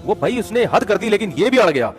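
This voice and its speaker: A man giving a conversational sermon full of stories, lively, calling his listeners brother. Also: high-pitched, soft background music. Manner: lively, addresses listeners as brother, acts out quotes. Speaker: religious speaker.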